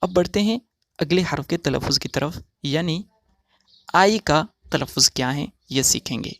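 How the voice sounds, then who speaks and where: A man teaching English pronunciation in a slow, methodical way, drawing out each example word. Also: a little high, a bit bright. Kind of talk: recorded pronunciation lesson.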